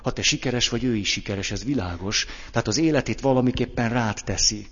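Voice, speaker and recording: A man giving a measured, personal talk in lecture style, acting out everyday examples along the way. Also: mid-range voice, fairly bright tone, breathy edge. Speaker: speaker. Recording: dull lo-fi echoey hall.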